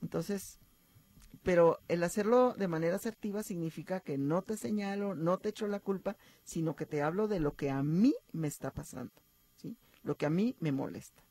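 Woman with a low, gravelly voice. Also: moderate pace, dry recording. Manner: explanatory, calm, uses fillers like "este". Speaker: psychologist guest. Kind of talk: advice talk on radio.

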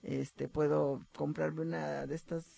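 Woman with a low, gravelly voice. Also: unhurried, no echo. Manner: explanatory, calm, uses fillers like "este". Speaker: psychologist guest. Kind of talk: advice talk on radio.

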